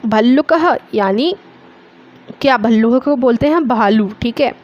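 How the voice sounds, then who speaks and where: A woman's voice: fairly high pitch, lively intonation, a little slow, darkish tone, highs cut off. A young woman teaching an online lesson, patiently spelling out word sounds and checking in with her students often.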